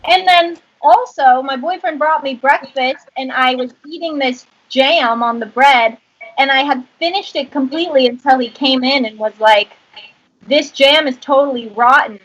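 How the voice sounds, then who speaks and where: A woman's voice: high-pitched, normal speed, highs cut off. A woman guest telling rambling, self-mocking stories in casual chat.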